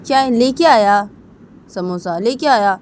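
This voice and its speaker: A woman voicing an irritable, tomboyish young woman who talks in masculine forms, loud and snappy. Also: expressive, unhurried, a little hiss or hum. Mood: irritated. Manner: snappy, raised pitch and loud.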